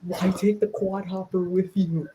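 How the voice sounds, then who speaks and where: A woman's voice: lowish voice, steady tone, a little slow, noisy background. Sarcastic woman reacting to a video. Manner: sarcastic, exasperated. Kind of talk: casual reaction commentary.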